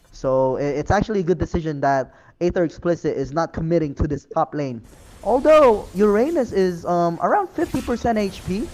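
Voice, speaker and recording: A young man giving rambling, excitable play-by-play commentary on a mobile esports match, with frequent ums and self-corrections. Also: sits high. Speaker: esports caster.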